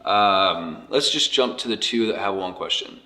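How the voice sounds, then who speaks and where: A man hosting a casual interview, reading out viewer questions in a quick, loose manner. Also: low-pitched, bright, forceful tone. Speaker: interviewer and channel host.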